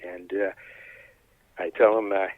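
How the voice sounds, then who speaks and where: A deep, flat, unhurried voice belongs to an older man, a high school sports announcer, talking casually in an interview. His manner is folksy, plain-spoken and hesitant, and the dry recording sounds slightly dull.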